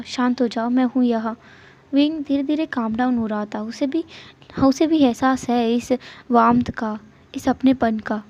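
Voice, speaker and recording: A woman's voice: on the high side, a little mellow, muffled recording. A woman narrating fan fiction as a storyteller, slipping English words into her sentences.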